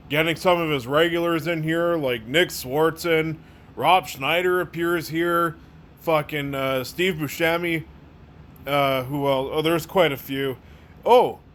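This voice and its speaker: A man's voice: on the high side, fairly bright tone. A man giving a casual, sarcastic movie review, blunt and full of swearing. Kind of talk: casual profane review monologue.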